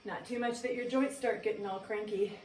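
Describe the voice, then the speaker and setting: A woman's voice: mid-range voice, fairly even intonation, brisk, darkish tone. A woman fitness instructor leading a dumbbell workout, giving upbeat cues and countdowns. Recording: echoey room, mic at a distance, faint music. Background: faint background music.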